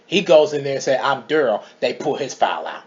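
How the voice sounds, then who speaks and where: A man co-hosting a casual chat, telling family stories with emphatic, animated delivery. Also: mid-range voice, fairly quick. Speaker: co-host. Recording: dull lo-fi recording.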